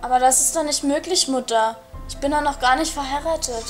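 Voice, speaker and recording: A woman's voice: high-pitched, fairly quick, soft background music, natural voice. A young woman playing a frightened, pleading girl. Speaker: amateur actor. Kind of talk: amateur film drama.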